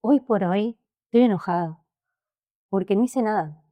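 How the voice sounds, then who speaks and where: A woman with a Rioplatense Spanish accent, an interview guest giving a personal testimony, speaking emotionally and haltingly and often repeating words. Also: medium pitch, dry recording, muffled recording.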